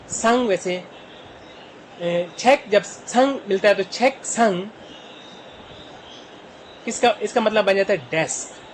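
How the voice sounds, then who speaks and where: A man with a Pakistani Urdu accent teaching Korean vocabulary, sounding out each word slowly syllable by syllable. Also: sits high, a little hiss or hum, low-quality recording. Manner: spells words out slowly syllable by syllable. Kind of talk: vocabulary lesson.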